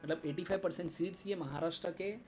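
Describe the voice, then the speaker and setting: A man's voice: high-pitched, fairly even intonation, fast, a little mellow, a little hiss or hum. Chatty man explaining admissions steps. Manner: conversational, code-switching in English, frequent "theek hai" check-ins. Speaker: law admissions tutor. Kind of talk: screen-share explainer lesson.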